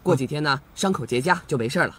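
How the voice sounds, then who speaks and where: An actor playing an impatient village doctor who talks briskly and scolds, in a TV drama. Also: mid-range voice, fairly bright tone, slightly rough. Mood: reassuring. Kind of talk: TV drama acting. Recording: drama audio with music underneath.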